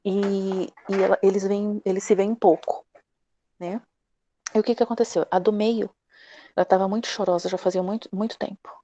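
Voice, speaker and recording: A middle-aged Brazilian woman talks directly and with animation about her family during a live session. Her voice is warm and mellow. The sound is dry and close, with no room echo. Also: mid-range voice, moderate pace, muffled recording. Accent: Brazilian Portuguese. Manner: direct, animated, acts out quoted dialogue. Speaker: class participant. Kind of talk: personal sharing in a live session.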